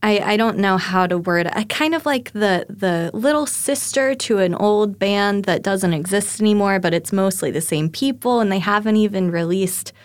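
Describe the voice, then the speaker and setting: A woman's voice: mid-range voice, normal speed, few pauses. A woman guest in casual conversation, hesitant and searching for her words. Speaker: podcast guest. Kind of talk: casual chat.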